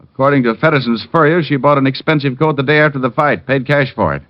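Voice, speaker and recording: A man's voice: medium pitch, fast talker, natural voice. Richard Diamond, a man playing a wisecracking private eye. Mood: wry, knowing. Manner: breezy, wry. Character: cocky, wisecracking, flirtatious male private detective. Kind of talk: old-time radio detective drama acting. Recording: dull vintage radio recording.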